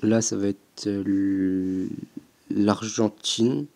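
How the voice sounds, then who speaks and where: A young man giving casual, hesitant commentary as he plays a football game, thinking aloud with frequent pauses and fillers. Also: on the low side, flat delivery, darkish tone. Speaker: gaming YouTuber.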